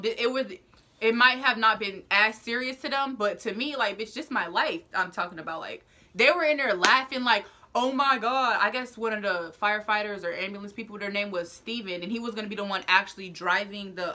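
A young woman telling a storytime vlog in animated, casual slang, acting out what people said. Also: mid-range voice. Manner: acts out quoted lines. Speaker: vlogger.

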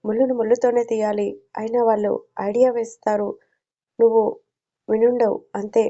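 A woman's voice: fairly high pitch, flat delivery, moderate pace, dark tone, dull audio, natural voice. A woman voicing a stern male police officer in an audio story, speaking curtly and commandingly.

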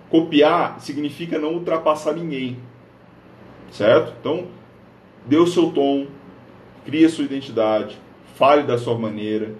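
A man from northern Paraná, Brazil, hosts a live stream, coaching viewers on social media with an upbeat, direct style while looking straight into the camera. His voice is medium-pitched and darkish, and the room is echoey.

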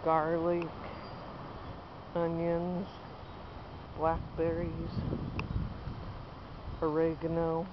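Thirties woman, casual garden-tour vlogger, handheld outdoor camera with dull sound and steady background noise. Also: low voice, drawn-out words, pauses often. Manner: chatty, pointing things out while walking. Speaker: home gardener. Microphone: handheld camera at arm's length.

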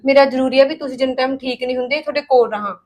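A woman's voice: high-pitched, steady tone, rapid-fire, a little mellow, natural voice, poor audio. A woman playing an apologetic young daughter-in-law. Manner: apologetic, earnest. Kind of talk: village family short-film acting.

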